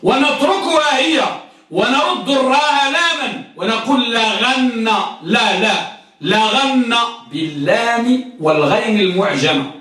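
A man with a high, bright voice teaches grammar to a classroom, firing questions at his students and drilling each rule again and again. He is picked up from a distance, and the bare room rings with echo around him. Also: expressive, a little slow. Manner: quizzes students, repeats and drills points. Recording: echoey classroom recorded from afar.

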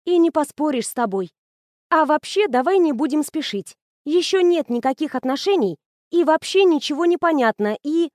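A woman's voice: high-pitched, moderate pace, no room sound, studio quality, pitched above the performer's own voice. A woman reading the lines of a shy, smitten young woman student in an audiobook. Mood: flustered. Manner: bashful, flustered, excited.

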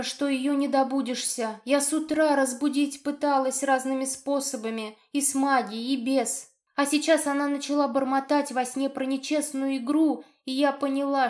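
A woman's voice: sits high, darkish tone, voice pushed up, close to an everyday voice. A woman voicing a plump, desperate mother who pleads through tears in a storybook. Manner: pleading, sobbing. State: crying.

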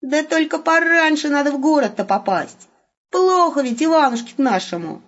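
A woman reading an audiobook and voicing a blunt, quick-tempered young man known as the Wolf. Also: sits high, animated, voice pushed up. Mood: gruff. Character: blunt, grumpy young male companion called the Wolf. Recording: muffled lo-fi recording.

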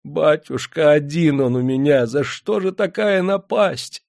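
A man voicing a frail old peasant mother who begs slowly and pleadingly for her son. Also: expressive, creaky, darkish tone, no room sound, clean studio sound. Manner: pleading, high and drawn-out.

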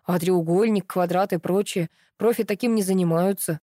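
Woman reading as a calm male police officer. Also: lowish voice, moderate pace, dry recording, clean studio sound, lightly acted. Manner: calm, matter-of-fact reasoning. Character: level-headed adult male police officer, ex-husband. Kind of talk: audiobook dialogue reading.

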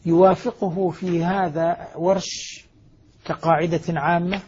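A man's voice: high-pitched, steady tone, measured pace, a little mellow, breathy edge. A middle-aged man, a scholar explaining recitation rules, stressing quoted words emphatically. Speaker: Quranic recitation scholar teaching. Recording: muffled lo-fi audio.

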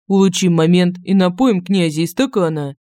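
A woman's voice: on the low side, moderate pace, dark tone, no room sound, clean studio sound, close to an everyday voice. A woman reading an audiobook, voicing a young male thief who plans things decisively. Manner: decisive, businesslike. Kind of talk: audiobook character voice.

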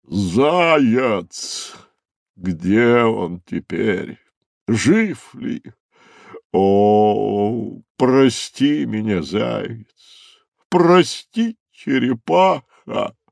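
A man's voice: fairly low pitch, very animated, vocal fry, a little mellow, dry recording, studio quality, heavily acted. A man voicing a timid, fretful rhinoceros who sighs and mumbles anxiously in an audio drama. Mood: anguished. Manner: slow, sighing, anxious mumbling.

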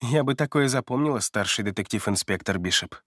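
Raised-voice female therapist, level and knowing, quietly provocative, put on by a male reader; dry, close audiobook read. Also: medium pitch, expressive, a little fast, no room sound. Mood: cool, probing. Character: calm, probing female therapist, middle-aged.

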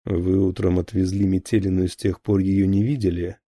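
A man's voice: low voice, little pitch movement, brisk, dark tone, no room sound. A man voicing a hard middle-aged male lieutenant colonel who gives curt questions and orders. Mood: interrogating.

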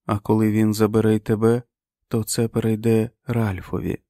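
A man voicing a frail, very old prophetic woman who speaks slowly and solemnly, in an audiobook. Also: lowish voice, monotone, mellow, no room sound, studio quality, lightly acted. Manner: slow, solemn, preaching. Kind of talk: audiobook character voice.

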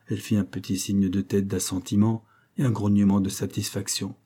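A male audiobook narrator with a low, mellow voice. He reads scripted narration in a measured, even way. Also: husky. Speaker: audiobook reader.

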